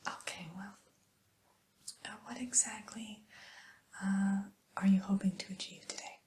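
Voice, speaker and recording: A woman whispering softly and soothingly as a spa receptionist in an ASMR roleplay, with gentle hesitant pauses. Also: mid-range voice, fairly even intonation. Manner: soft unvoiced whisper, slow and soothing.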